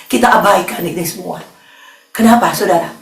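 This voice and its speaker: A woman pastor preaching a sermon in an animated way, calling out questions to the congregation in a church. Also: fairly low pitch, fairly quick. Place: church hall. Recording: echoey hall from far off.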